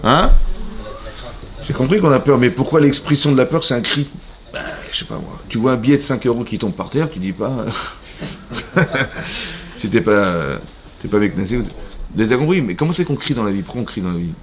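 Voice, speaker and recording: A man with a French accent, a rabbi giving an animated Torah class in a synagogue, questioning his listeners and acting out voices. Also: mid-range voice, fairly quick, a little hiss or hum. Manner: animated, asks the audience questions, acts out voices. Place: synagogue hall.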